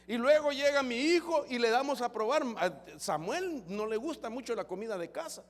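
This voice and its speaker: A man's voice: very high-pitched, lively intonation, normal speed. A man preaching a fervent sermon as pastor, often calling his listeners brother. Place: church hall. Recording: long church hall reverb.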